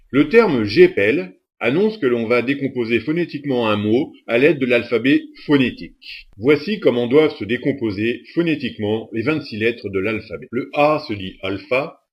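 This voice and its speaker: A man reading a scripted instructional narration in a steady, methodical way. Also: medium pitch, muffled recording.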